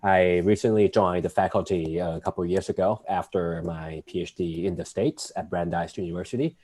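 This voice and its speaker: Male academic panelist, low-pitched voice, chatty and informal delivery. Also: fairly quick, darkish tone. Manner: informal, chatty, often adds "like" and "you know". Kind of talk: casual panel discussion.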